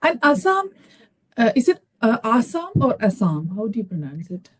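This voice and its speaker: A woman's voice: fairly high pitch, big pitch swings, normal speed. A woman, Malayalam speaker, chatting casually over a video call, hesitant with many fillers and restarts. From Kerala, India. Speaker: conversation partner. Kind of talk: casual chat.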